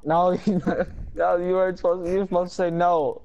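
A man's voice: sits high, flat delivery, fairly quick, creaky, highs cut off, a crowd in the background. A man bantering with a friend in party chat, teasing and exasperated. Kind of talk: casual banter. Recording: game noise behind the voice.

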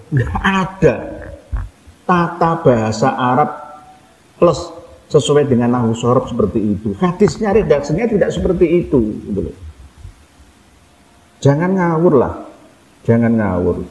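A man's voice: a little high, big pitch swings, measured pace, pauses often, darkish tone. A middle-aged man with a Javanese accent giving a critical religious lecture to camera, repeating his points with rhetorical questions. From Java. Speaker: Islamic preacher. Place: indoor room with wooden doors. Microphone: camera in front, seated. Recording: echoey room, dull sound.

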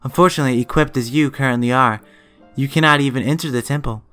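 A man reading game dialogue aloud as a mysterious young male warrior. He keeps his own mid-pitched voice but makes it a little lighter and softer, and delivers the lines in a calm, solemn way. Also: fast, clean tone, soft background music, lightly acted.

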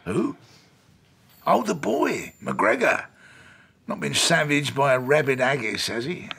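An actor playing a fat, selfish, sarcastic older police chief inspector in a radio comedy drama. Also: male voice, on the high side, very animated, slow pace, pushed and bright, exaggerated voice. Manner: gruff, sarcastic, grumbling.

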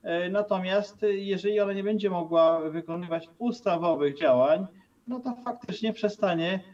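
Speaking over a video call from a bookshelf-lined room, this middle-aged male guest offers commentary for a remote TV interview, full of fillers, hesitations and restarts. His voice is high-pitched yet darkish in tone, at normal speed. The video-call sound comes across dull and distant.

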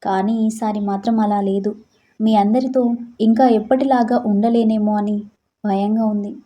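A woman's voice: mid-range voice, steady tone, normal speed, highs cut off, lightly acted. A woman voicing a tearful young daughter about to be married, speaking in a pleading way.

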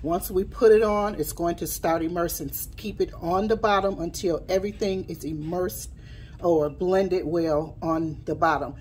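A woman's voice: on the low side, fairly even intonation, moderate pace, darkish tone, slight background noise. A woman hosting a home cooking demonstration in her kitchen, chatting casually and stopping now and then to tidy up and explain as she works. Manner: chatty, stops to tidy and explain mid-task. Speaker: home cooking channel host. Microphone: camera on the counter, speaker mostly off frame.

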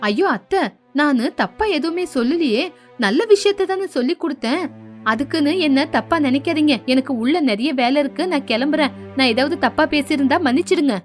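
A woman voicing a patient, put-upon young wife in an animated story, pleading and reasonable. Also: high voice, fairly quick, soft background music, natural voice.

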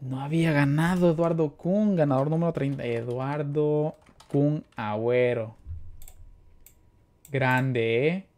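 A young streamer with a Mexican Spanish accent chats his way through live gameplay, greeting viewers and letting out excited exclamations. His voice sits a little high and he speaks slowly.

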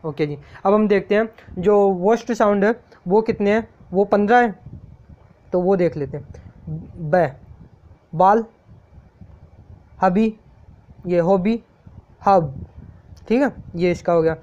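A man teaches a lesson in a warm, mellow voice and explains each point step by step. He patiently repeats every example word slowly. The recording is dull and lo-fi. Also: high voice.

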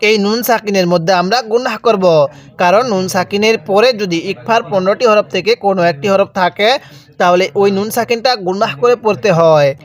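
A man with a Bangladeshi Bengali accent, teaching Quran reading in a spoken tutorial, sounding out letters slowly one by one. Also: high-pitched. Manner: slow, drawn-out letter-by-letter recitation.

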